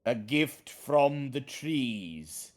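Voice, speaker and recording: A man's voice: medium pitch, lively intonation, very slow, pitched above the performer's own voice. An ancient talking tree, played by a male game master speaks with grave formality. The grumbling treant takes its time over every pronouncement, solemn and weighty, as in a fantasy tabletop game. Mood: solemn, benevolent.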